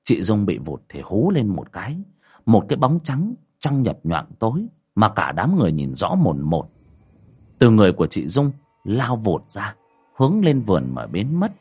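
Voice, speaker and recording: A man's voice: moderate pace, breathy edge. A man narrating a spoken ghost story in a dramatic way. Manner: dramatic, lively pitch.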